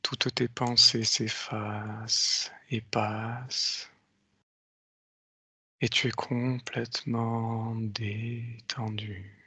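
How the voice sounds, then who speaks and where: A man speaking as a hypnotist in a slow, soothing, spaced-out voice, guiding someone into deep relaxation. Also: level tone, pushed and bright, husky, no echo. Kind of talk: slow guided hypnosis induction.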